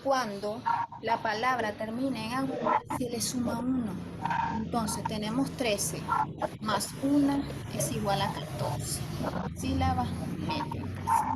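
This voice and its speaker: Slow, careful woman teaching poetry meter. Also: fairly high pitch. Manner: slow, careful counting and explaining. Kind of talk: recorded lesson explanation. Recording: loud background noise.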